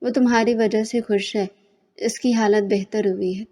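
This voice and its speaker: A stern older mother-in-law who lays down duties as commands rather than requests, as a woman reads her lines. The voice stays mellow and dark-toned, hard in intent but never raised. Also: medium pitch, moderate pace, natural voice. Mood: commanding. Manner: orders given flatly, little softness.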